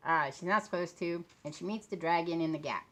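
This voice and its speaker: A book and author vlogger, a woman in her late fifties, chats in a loose, rambling way with a fairly low, slightly bright voice at a fairly quick pace. She sounds worn out and unwell with a sore throat, and a swollen lip makes her words come out a bit funny.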